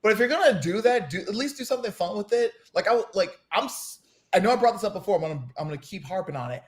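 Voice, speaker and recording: A man in casual chat, ranting in an animated way with many restarts. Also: sits high, quick pace. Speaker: podcast co-host.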